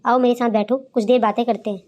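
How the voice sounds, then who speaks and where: A gentle, wise older mother-in-law in a cartoon story, voiced by a woman. She talks quickly but soothingly, in a soft, mellow voice with a coaxing manner. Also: a little high, level tone, lightly acted. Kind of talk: cartoon voice acting.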